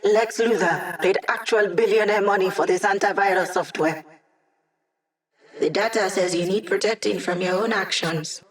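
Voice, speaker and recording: A woman's voice: medium pitch, normal speed, reverberant, far from the mic, lightly acted. A woman voicing a cocky, playful young female hacker in a video game, with a wry, teasing, self-assured delivery. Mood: wry, businesslike. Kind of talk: video game character voice lines.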